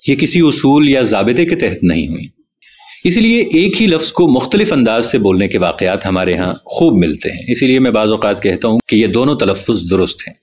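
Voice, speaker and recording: A man hosting and narrating a scripted lecture, explaining in a measured way and reading out lists of words deliberately. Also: fairly low pitch, very animated, a little hiss or hum. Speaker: host.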